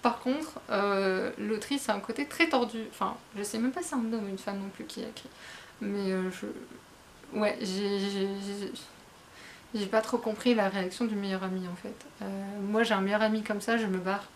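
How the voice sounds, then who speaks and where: A manga reviewer and book blogger gives a casual, rambling spoken review in a mid-range, fairly even voice at a moderate pace, with slight background noise. She hesitates often, corrects herself, and chats directly to her viewers with frank asides.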